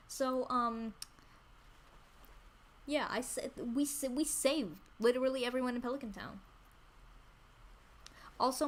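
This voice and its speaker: A woman chatting casually on a livestream in a cute anime-streamer manner, gushing and excitable, repeating phrases for emphasis. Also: mid-range voice, slight background noise. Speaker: VTuber streamer introducing themself. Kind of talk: casual livestream chat about games.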